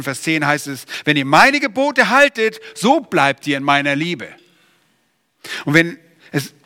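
A man's voice: a little high, bright, forceful tone. A man preaching a sermon with emphatic delivery and pointed rhetorical questions aimed at his listeners. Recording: long reverb of a large hall.

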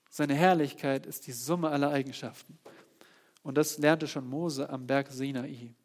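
A man with a fairly high voice preaches a sermon on a psalm. He builds to loud, emphatic peaks, then drops to quiet, low passages. He keeps asking rhetorical questions and answering them himself.

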